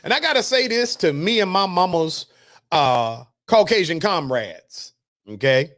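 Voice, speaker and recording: High-pitched man ranting on a livestream. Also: animated, unhurried, fairly bright tone. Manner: wry, preachy, jokes and laughs between points, reads comments aloud. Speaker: host. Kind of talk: casual commentary reading news and chat comments.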